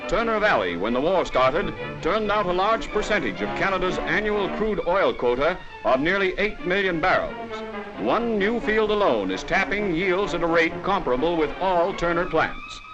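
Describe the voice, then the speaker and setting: Man, old newsreel narrator, brisk formal announcing, somewhat high voice, lively rise and fall, dull lo-fi sound. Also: over music.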